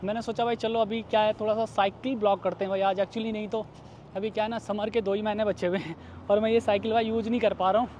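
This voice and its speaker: Man, thirties, from India, casual chatty vlog, higher voice, mellow tone, street noise behind. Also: flat delivery, fast talker, lo-fi sound. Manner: chatty, addresses viewers as guys and brother. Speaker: vlogger. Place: outdoors on city streets at night. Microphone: phone held at arm's length.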